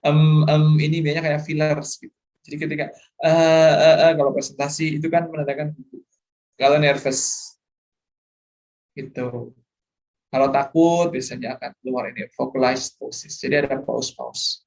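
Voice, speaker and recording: A man's voice: a little high, level tone, moderate pace, creaky, pauses often. A middle-aged male lecturer, explaining course material and often checking that students follow, mixing English terms into his talk. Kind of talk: online lecture.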